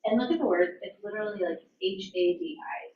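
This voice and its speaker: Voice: mid-range voice, a little fast, slight background noise. A planning board member asking questions at a public meeting, in a playful, questioning way. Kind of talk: meeting discussion. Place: meeting room. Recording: echoey room from far, dull sound.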